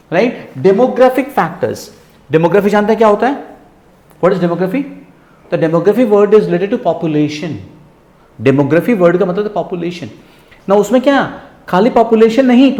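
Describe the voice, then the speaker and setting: Male teacher, high-pitched and lively, lecturing in an echoey room. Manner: lively, asks students rhetorical checks, mixes English into Hindi. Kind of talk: classroom lecture.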